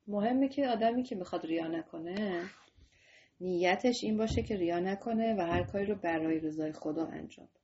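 A woman's voice: on the low side, warm tone, lo-fi sound. Woman teaching an online class. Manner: talks straight to students, asks them questions. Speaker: religious studies teacher. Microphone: video call.

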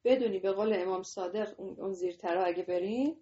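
On a video call, a woman gives children a religious lesson, addressing her students directly and asking them questions. Her mid-range voice sounds mellow, and the audio is lo-fi.

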